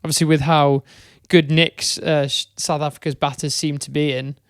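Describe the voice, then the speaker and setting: Smooth-voiced man reviewing cricket. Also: a little high, little pitch movement, normal speed, no room sound, studio quality. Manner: thoughtful, hesitant with fillers. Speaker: podcast co-host. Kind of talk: casual cricket chat.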